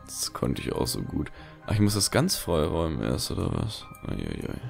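Gravelly, very animated man gaming. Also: a bass voice, normal speed, soft background music. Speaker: gaming video host. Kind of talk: casual let's play commentary.

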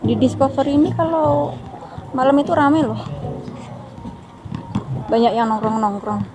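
A woman's voice: high voice, a little slow, noisy background. A woman with an Indonesian accent giving a casual walking tour vlog outdoors by a seaside mall, chatting to her viewers as friends. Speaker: vlogger. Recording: loud background music.

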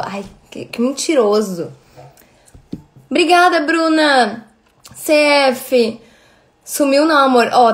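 Brazilian woman in her 30s, bit high voice, chatty, thanks viewers one by one on a phone live. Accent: Brazilian Portuguese. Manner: chatty, thanks viewers by name, mixes in Spanish. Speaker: livestream host. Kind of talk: casual livestream chat.

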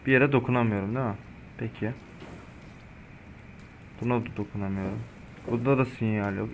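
A man's voice: mid-range voice, fairly bright tone, slight background noise. A man in his twenties from Turkey giving let's play commentary, jumpy and swearing a lot, with frightened outbursts. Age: 20s. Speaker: gaming channel host.

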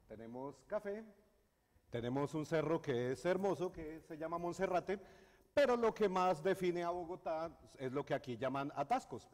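With a voice on the high side and a little mellow, a middle-aged man with a Colombian Spanish accent presents a technical talk at a conference. He's hesitant, full of fillers and restarts, and the university lecture hall, audience present, adds reverb.

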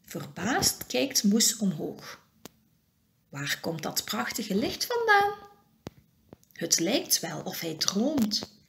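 A woman reading a children's picture book aloud with expressive, animated storytelling. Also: mid-range voice, slow pace, gravelly, long pauses, slight background noise.

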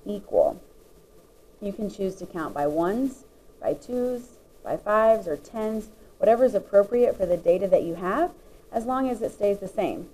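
A woman's voice: mid-range voice, mellow, rough recording. A woman teacher patiently explaining the parts of a graph, step by step, as she writes notes. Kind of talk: classroom lesson explaining graphs.

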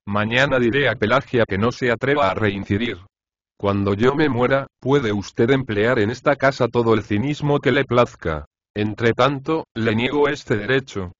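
Nagging bossy wife from a storybook, man reading her, middle pitch, dry slightly muffled sound. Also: normal speed, no echo, natural voice. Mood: imperious. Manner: imperious and nagging. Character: fussy, commanding middle-aged wife. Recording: dry, slightly dull audiobook recording.

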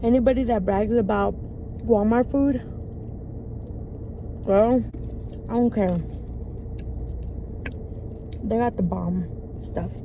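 A young woman chatting to her viewers with her mouth full of food, speaking slowly and unhurried. Her talk is loose and chatty, and she keeps calling the listener "girl". Noticeable car noise hums behind her. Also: fairly high pitch, dark tone, dull audio. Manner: chatty, says "girl" often. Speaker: vlogger. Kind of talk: casual vlog chat to viewers.

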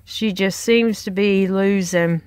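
A middle-aged farm vlogger from Texas speaks in a Southern accent beside her chicken pen, casually filming herself with a handheld phone and filling her folksy talk with fillers. Her mid-range voice is slow, fairly even, a little mellow and clean, recorded dry.

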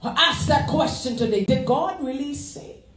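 A woman associate pastor preaching a sermon, animated, with congregation call-and-response. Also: high voice, normal speed, faint music behind. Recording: echoey church sanctuary.

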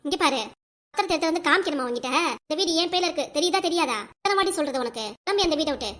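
A woman's voice: extremely high pitch, expressive, very fast, a bit bright. A woman voicing a scheming, bossy young wife in a cartoon comedy, with a southern Tamil Nadu accent and a scornful, taunting manner. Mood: angry. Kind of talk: cartoon comedy sketch acting.

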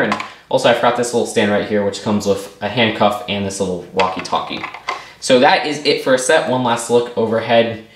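A man giving a casual, upbeat toy set review, rambling with lots of fillers and small restarts. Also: mid-range voice. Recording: roomy echo.

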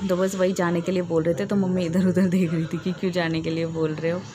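A woman's voice: on the low side, little pitch movement, quick pace. Chatty woman vlogging over background noise. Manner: chatty, rambling storytelling. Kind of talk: casual daily vlog narration. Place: home.

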